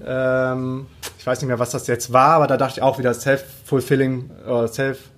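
A man hosting an interview, asking questions in a loose, excited way and mixing in English buzzwords. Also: medium pitch, normal speed. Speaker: podcast host. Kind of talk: casual interview chat.

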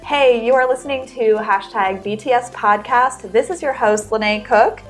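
A Brooklyn-based podcast host, recording at home, trades upbeat casual chat with a guest and reads ads. Her voice is on the high side at a moderate pace, with soft background music.

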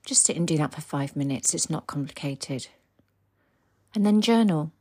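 A woman hosting a motivational coaching podcast from home, speaking earnestly and dropping into soft whispers for emphasis. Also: deep voice, expressive, moderate pace, breathy edge, no echo, clean studio sound. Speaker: podcast host and embodiment coach. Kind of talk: motivational solo podcast talk. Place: home, with her dog beside her.

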